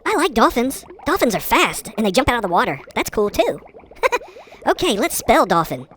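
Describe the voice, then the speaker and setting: A woman hosting a children's spelling video, giggling often and talking in an excitable, sing-song way. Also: fairly high pitch, normal speed, a little hiss or hum. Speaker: host of a kids' spelling video. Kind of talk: playful children's spelling narration.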